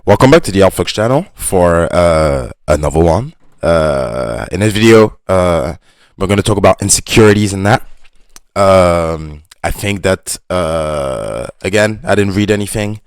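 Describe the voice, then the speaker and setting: A man hosting his own video, reacting casually and unscripted to a post, in a halting, loose way with many fillers, calling people "bro". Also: sits low, lively intonation, clear, resonant tone, no room sound, studio quality. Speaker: YouTube host reacting to a reader's post.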